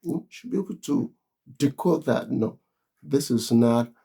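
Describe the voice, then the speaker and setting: A man with a Nigerian accent talking casually to camera in a vlog, chuckling often and pausing on drawn-out fillers. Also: medium pitch, lively intonation, gravelly, dark tone, breathy edge. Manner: chuckles often while explaining. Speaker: vlogger.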